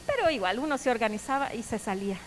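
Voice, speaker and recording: A middle-aged woman, giving an earnest personal testimony sermon in a strong, loud voice. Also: fairly high pitch, lively intonation, fast, slight background noise, poor audio. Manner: strong, loud voice, cannot speak softly; earnest, emotional storytelling. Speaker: preacher.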